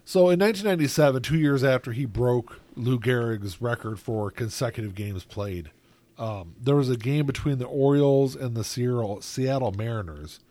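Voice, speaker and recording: A man's voice: mid-range voice, moderate pace, a little mellow, no echo. A man hosting a casual chat, rambling with lots of filler words.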